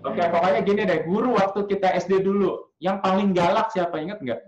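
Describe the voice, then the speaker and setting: A man coaching parents in storytelling, talking in a lively, demonstrative way with frequent filler sounds. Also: high voice, brisk, reverberant, dull audio, a crowd in the background. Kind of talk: casual workshop talk to parents.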